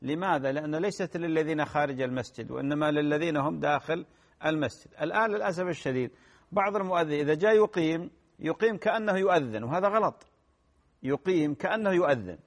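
A man with a somewhat high voice answers listeners' religious questions in a steady lecturing tone. He repeats key phrases for emphasis and pauses now and then to clear his throat. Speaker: Islamic scholar answering questions.

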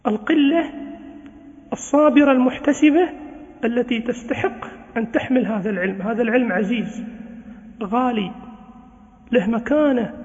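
A man's voice: very high voice, darkish tone. Man, preacher, exhorting sermon, rhetorical questions, long reverb of a large hall. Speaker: Islamic preacher. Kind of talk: sermon lecture to students. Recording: dull lo-fi sound with long reverb.

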